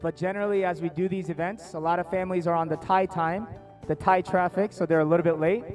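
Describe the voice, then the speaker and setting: Fast and fairly even in intonation, a high, slightly mellow male voice leads a seminar over soft background music. The host, a company founder and educator with an American accent who was born in South Korea and grew up in Atlanta, keeps things jokey and engaging for families in an indoor room and viewers online.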